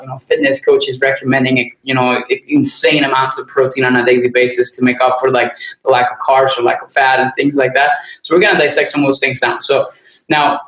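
A man's voice: medium pitch, a bit bright, roomy sound, poor audio. A man hosting a casual nutrition podcast, talking in an easygoing, rambling way with many restarts. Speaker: podcast host, nutrition coach.

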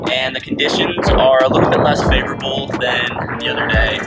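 A young man filming a casual fishing vlog from a kayak at sea on an action camera, upbeat and chatty, letting out excited whoops when a fish bites. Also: mid-range voice, a little fast. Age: young adult. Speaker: fishing vlogger. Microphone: action camera on the boat. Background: loud music bed.

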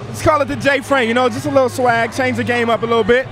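A man's voice: very high voice, fairly even intonation, quick pace. A young man, a college football player, goofing around as he interviews teammates with a handheld mic in a busy bowling alley. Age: young adult. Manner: playful, joking, slangy. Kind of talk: casual chat with teammates. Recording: loud music and chatter behind.

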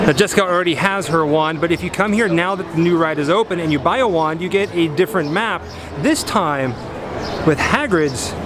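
A woman hosting a vlog, narrating her visit to a theme park. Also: lowish voice. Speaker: vlog host. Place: busy outdoor theme park. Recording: loud crowd and park noise behind.

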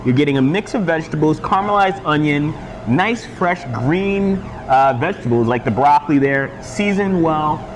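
A man's voice: a little high, slight background noise. A young man, a fitness coach, talking energetically and promotionally to the camera at a restaurant. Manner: energetic, promotional, talks with hand gestures. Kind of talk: upbeat fitness vlog presenting. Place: outside a restaurant, then at a table indoors.

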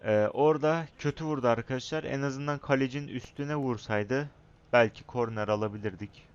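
A young man gives casual, excitable commentary over his own football video game match. His voice is smooth and mid-pitched, and it surges loud when he yells at his players. The recording sounds slightly muffled and lo-fi. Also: fairly quick. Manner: excitable, shouts at players, chatty asides to viewers. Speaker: gaming YouTuber.

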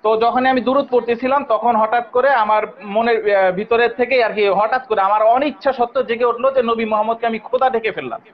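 A man's voice: extremely high pitch, fairly even intonation, brisk. A man in a heated online debate, recounting his past and insisting on being heard. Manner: insistent, keeps interrupting to hold the floor. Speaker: former believer debating online. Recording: muffled lo-fi call audio.

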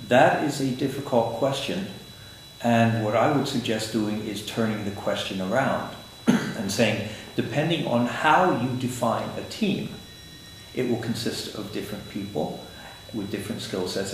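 Born in Switzerland and raised in the United States, an older man, an agile consultant, answers conference interview questions in an indoor office room. He explains in a measured way with some dry humor, his voice on the low side. The room is echoey, with faint ambience and slight background noise.

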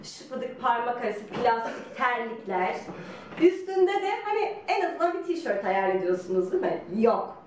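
A woman with a slightly high voice that swings widely as she talks. She tells her story in a casual, teasing way and laughs often. She is heard from a distance in a very echoey room with a faint hum behind her. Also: very animated, moderate pace. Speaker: guest telling her couple's story. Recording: roomy echo from a distance.

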